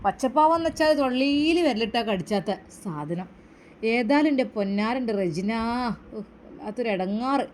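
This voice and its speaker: Woman doing high-voiced gossiping village neighbor, Malabar Malayalam accent, rambling. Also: animated, moderate pace, a little mellow, slight background noise, natural voice. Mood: marveling. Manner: chattering, nosy, rambling.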